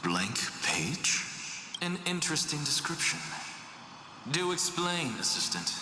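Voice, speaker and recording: Imperious fantasy-game sage and professor: dismissive, drawn-out, highly inflected, reverberant. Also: male voice, big pitch swings, background noise. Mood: probing. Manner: pompous, drawn-out, condescending delivery. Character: haughty, sharp-tongued male professor and sage, theatrically dismissive. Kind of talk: scripted fantasy game voice acting. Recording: echoey hall reverb, music behind.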